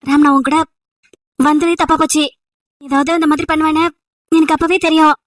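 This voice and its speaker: A woman voicing an irritated, sharp-tongued young female college student in an amateur audio drama, scolding with sarcastic rhetorical questions. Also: sits high, little pitch movement, brisk, dry recording, close to an everyday voice. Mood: annoyed.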